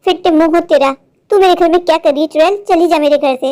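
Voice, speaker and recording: A woman voicing a worried, sharp-tongued old mother-in-law in a cartoon, fretful and scolding. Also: very high voice, fast talker. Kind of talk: animated Hindi cartoon voice acting.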